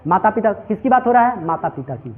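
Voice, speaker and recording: High-voiced man teaching, tinny sound. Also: lively intonation, a little fast. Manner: drills students with repeated questions; mixes Hindi and English. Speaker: English teacher. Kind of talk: classroom translation lesson.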